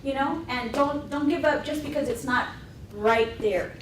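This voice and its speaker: A woman with a somewhat high voice speaks on a conference panel in a lively, storytelling way, slipping into the voices of the people she quotes. She sounds set back from the microphone. The room is echoey, with faint noise behind her. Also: moderate pace. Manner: animated, acts out past dialogue in quotes. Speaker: new teacher panelist. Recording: echoey room, mic at a distance.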